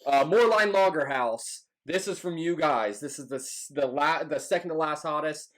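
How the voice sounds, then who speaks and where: A man's voice: a little high, moderate pace, fairly bright tone. A man hosting a casual challenge vlog, talking informally and repeating phrases for emphasis. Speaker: host of a hot wings challenge.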